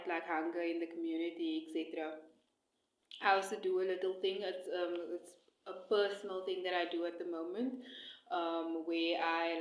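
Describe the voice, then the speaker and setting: Female eat-along vlogger, lowish pitch, unscripted hesitant chat, echo-heavy room on a phone mic. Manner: hesitant, rambling, with pauses between short phrases. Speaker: food vlogger and cookbook author. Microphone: phone close by, no attached mic. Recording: echoey room, phone microphone.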